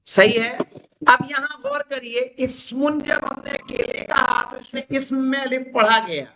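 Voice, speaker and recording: High bright-voiced man teaching Arabic grammar. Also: fairly even intonation, slight background noise, low-quality recording. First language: Urdu. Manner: explains patiently, reads Arabic slowly then translates, asks students check questions. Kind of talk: classroom lesson.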